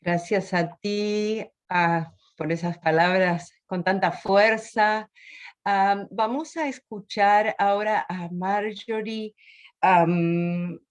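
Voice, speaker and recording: A woman's voice: mid-range voice, fairly even intonation, takes it slowly. A woman moderating an online event, introducing speakers with hesitant filler sounds.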